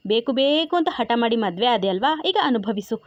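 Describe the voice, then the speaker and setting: A wilful young wife who scolds her husband with a sharp tongue, voiced by a woman narrator in a read-aloud love story. The voice is fairly high and sounds close and dry. The recording is slightly dull. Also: animated, moderate pace, no echo, natural voice. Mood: scolding. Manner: scolding, stubborn.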